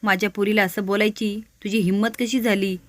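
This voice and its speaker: A woman's voice: mid-range voice, level tone, a little fast, dry recording, clean studio sound, natural voice. A woman voicing a harsh, domineering mother-in-law who scolds the younger women. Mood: scolding. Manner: scolding, sharp.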